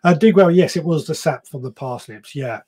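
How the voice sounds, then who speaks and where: A slightly high, darkish voice with a breathy edge belongs to a man in his thirties who speaks at a moderate pace. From a small shed or room indoors, he hosts a gardening podcast live stream, rambling casually, reading viewer comments, and regularly stopping to correct himself.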